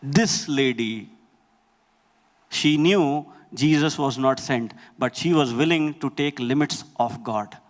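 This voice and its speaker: A man's voice: mid-range voice, slow pace, big-room sound. A man preaching a sermon, emphatic and repeating phrases for stress.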